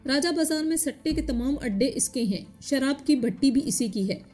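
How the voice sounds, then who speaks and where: A woman's voice: high voice, animated, moderate pace, darkish tone, faint music behind. A woman voicing a frightened, tearful poor man, a street vendor who pleads and wails, in a story reading. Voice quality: wailing, pleading.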